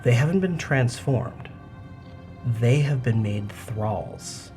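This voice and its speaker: Slow, halting male game master. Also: medium pitch, expressive, over music. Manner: halting, improvised phrasing with repeated words. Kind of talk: narrating a tabletop role-playing game.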